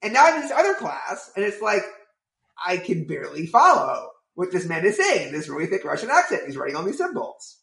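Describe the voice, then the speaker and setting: A man telling a long anecdote as a podcast guest, rambling and filling pauses with "like" and "right?". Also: high-pitched, gravelly, reverberant. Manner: animated, rambling, many fillers like "right?". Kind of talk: casual storytelling.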